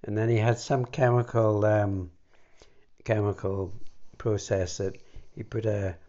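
An older Scottish man reminiscing about his youth, speaking haltingly with many fillers and restarts. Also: fairly low pitch, little pitch movement, dark tone, dull audio. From Scotland. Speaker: interviewee. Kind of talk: reminiscing conversation.

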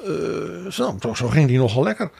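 A man with a gravelly, very raspy voice talks politics as a podcast co-host. He is wry and animated, his pitch swinging widely. The sound is close and dry. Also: brisk, no echo. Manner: animated, wry commentary with quoted asides. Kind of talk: political analysis chat.

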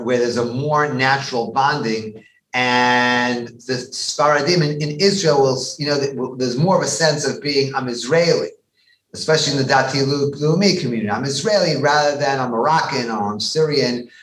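A male rabbi speaks in a mid-pitched voice, emphatic and explanatory, often repeating a word before pressing on with his point. His voice carries a noticeable room echo, with a faint hiss of background noise underneath. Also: fairly bright tone. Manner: emphatic, with frequent restarts and repeated words. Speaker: rabbi, guest. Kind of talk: conversational explanation on a podcast.

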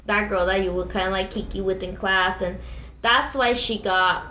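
A woman's voice: mid-range voice, steady tone, normal speed, pushed and bright, reverberant, a little hiss or hum, rough recording. A woman in her twenties, co-hosting a casual podcast from home, chatty and opinionated with lots of "like" fillers. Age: 20s. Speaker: podcast co-host.

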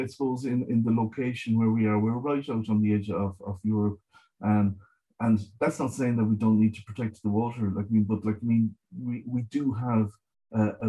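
A middle-aged man with a west of Ireland accent explaining his work in a conversational interview, measured and often repeating words as he goes. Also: on the low side, mellow, dull audio. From Galway, west of Ireland. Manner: measured, hesitant repetition of words, frequent 'you know'. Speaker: marine scientist guest.

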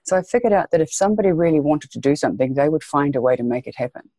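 A New Zealand woman with a low, warm, animated voice races along as a guest on a podcast interview. An education leader, she speaks earnestly and repeats phrases for emphasis, and the recording has no echo.

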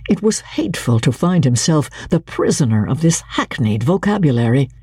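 Reading literary fiction aloud, this female audiobook narrator uses a dramatic, expressive style. She has a strongly husky, mellow tone, and her pitch wanders freely through an animated performance. Her speed is normal, and no room sound is audible.

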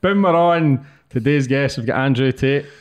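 A man's voice: medium pitch, normal speed. A man with a strong, broad Scottish accent, hosting a casual interview as the podcast host.

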